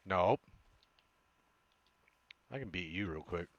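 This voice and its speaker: A man's voice: deep voice, animated, slow pace, no room sound, highs cut off. A man chatting casually as he streams gameplay, rambling and hesitant, with a self-deprecating manner and a smoker's voice. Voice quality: smoker's voice with occasional cough. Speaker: game streamer. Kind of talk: casual live gameplay chat.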